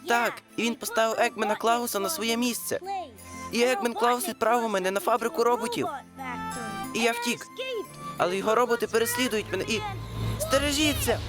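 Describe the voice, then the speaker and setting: A woman's voice: fairly high pitch, expressive, fairly quick, music in the background, natural voice. A woman voicing a frightened young boy in a cartoon dub, panicked and pleading.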